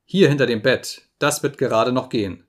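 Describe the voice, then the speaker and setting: A man reading an audiobook, voicing a gravely ill detective who speaks weakly but gives urgent orders. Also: mid-range voice, moderate pace, natural voice. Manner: urgent, insistent, giving orders. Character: sick feverish detective, weak but commanding.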